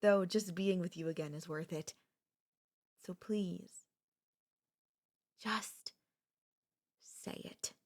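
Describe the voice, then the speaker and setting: For an ASMR audio drama, a woman acts out an obsessive young woman doting on the childhood friend she holds captive. Her voice sits a little low for a woman, and she speaks slowly with frequent pauses, soft and intimate, full of clingy, pleading, possessive devotion.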